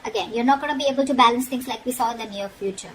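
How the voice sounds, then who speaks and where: Speaking very fast in a slightly high voice, this tarot reader delivers a candid, casual reading straight to the listener, frequently checking in as she scolds. The recording is rough, with background noise that's easy to hear.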